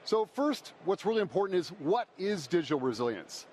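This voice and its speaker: A man's voice: high-pitched, sing-song, fairly quick, a little mellow. A man giving a podium speech as a conference presenter, explaining step by step and posing questions that he then answers. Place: conference stage. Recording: faint background noise.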